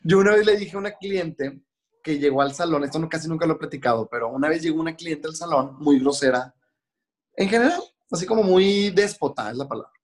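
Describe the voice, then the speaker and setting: A man's voice: fairly high pitch, fairly quick. A man with a Mexican Spanish accent, a hair and makeup stylist telling stories in casual podcast talk and acting out the voices of the people in them. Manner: chatty, acts out voices of people in his stories.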